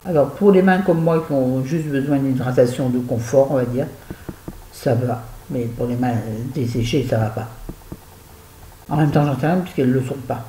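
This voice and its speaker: A chatty woman talks straight to her viewers about beauty products she has finished, mocking herself along the way. Her voice is warm and mellow. The room gives it a roomy echo, with a faint hiss behind. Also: extremely low pitch, normal speed. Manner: chatty, self-mocking, wry asides. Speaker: beauty vlogger reviewing used-up products. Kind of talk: casual chat to viewers.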